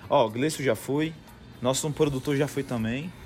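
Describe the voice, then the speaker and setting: A podcast host with a Brazilian accent chats casually and sprinkles his talk with slang tags, including a sign-off, with music playing behind him. His mid-range voice has a darkish tone at normal speed.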